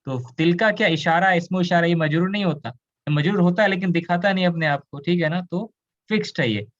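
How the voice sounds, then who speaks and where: Male grammar teacher from India, patient explainer, slightly high voice, lo-fi audio. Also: a little fast, fairly bright tone. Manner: explains patiently, mixes in English, asks students questions. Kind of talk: online class lecture.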